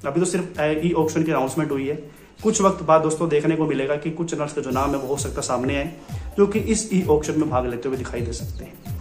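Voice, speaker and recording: A man's voice: fairly high pitch, echoey room. A young man hosting a news update to camera in a small room, chatty, calling viewers his friends and repeating filler phrases. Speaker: TV news channel host.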